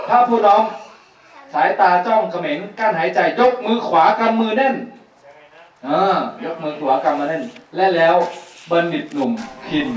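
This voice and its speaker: A man telling a dramatic folk tale to kindergarten children, playful and laughing often as he checks on the children. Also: high-pitched. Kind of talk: animated storytelling to children. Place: school room with children. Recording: echoey room, mic far off.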